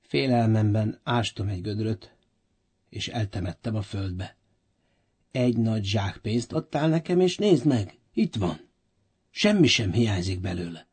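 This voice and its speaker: A man's voice: on the low side, animated, a little mellow, husky. A man voicing a fearful, lazy servant in a storybook audio reading, speaking in a hesitant, pleading way. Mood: timid.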